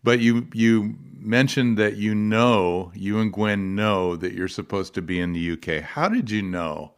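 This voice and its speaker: A man hosts a podcast interview, asking his guest questions in a friendly, inquisitive way. His voice sits on the lower side. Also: fairly even intonation, a little slow, smooth. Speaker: podcast host.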